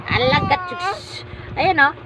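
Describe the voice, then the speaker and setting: Mom vlogger, playful singsong coos, unhurried, engine hum behind. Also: female voice, high voice, recorded from a distance. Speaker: mother vlogging her baby. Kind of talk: baby talk to an infant, asides to viewers.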